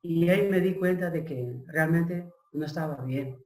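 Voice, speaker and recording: A middle-aged man telling a personal testimony as an interview guest, halting and searching for his words. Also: a little high, darkish tone. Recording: roomy echo.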